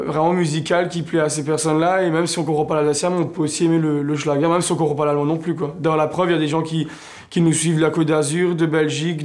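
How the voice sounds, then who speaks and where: A young man from Alsace, a singer answering interview questions hesitantly, with many fillers and restarts. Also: on the high side. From Alsace, France.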